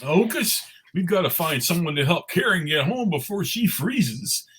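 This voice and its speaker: Guy doing a naive friendly cartoon snowman, husky and really swoopy, childlike excitement. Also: on the high side, moderate pace, heavily acted. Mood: worried, urgent. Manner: eager, childlike exclamations. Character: friendly, naive, big-hearted living snowman. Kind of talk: cartoon table read.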